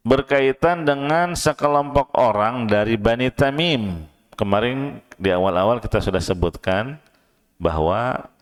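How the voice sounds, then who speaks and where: A man with an Indonesian accent teaching a study session in a mosque. He explains in plain everyday speech and often checks in with his listeners. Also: low-pitched. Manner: chants verses slowly, then raises his voice to act out the shouting. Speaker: Quran teacher.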